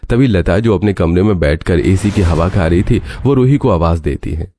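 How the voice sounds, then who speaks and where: A man narrating a cartoon story in a steady storytelling style. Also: low-pitched, normal speed, faint music behind. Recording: faint background noise.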